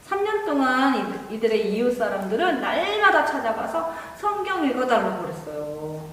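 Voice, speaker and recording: A woman's voice: on the high side, slight background noise. A woman telling a story to children as a Sunday school teacher, narrating in an explanatory way. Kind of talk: storytelling to children, missionary tale. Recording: very echoey hall, distant microphone.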